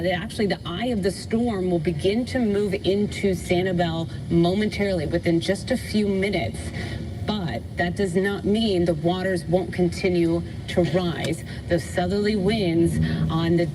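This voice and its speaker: A woman's voice: fairly low pitch, far from the mic, very noisy. A woman anchoring live breaking storm coverage on television, serious and urgent in her delivery. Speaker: TV news anchor. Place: TV studio.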